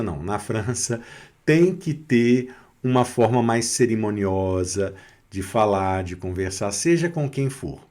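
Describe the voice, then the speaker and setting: A man's voice: medium pitch, darkish tone. A middle-aged Brazilian man leads a beginner language lesson in a mid-range voice. He is patient and methodical, repeating each word and often checking that his students are keeping up. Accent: Brazilian Portuguese. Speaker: French teacher.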